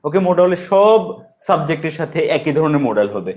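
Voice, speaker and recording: Male online English tutor, Bengali accent, slightly raised pitch, deliberate repeating explanations. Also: very animated, darkish tone. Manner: mixes English into explanations, self-correcting, repeats examples slowly. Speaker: English teacher. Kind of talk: online grammar lesson.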